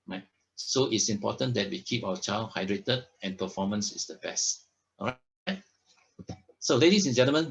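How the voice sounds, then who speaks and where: A man's voice: lowish voice, fairly bright tone. A man presenting products in a sales talk, emphatic, often checking in with "all right?" and "okay?". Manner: emphatic, stresses words by repeating them.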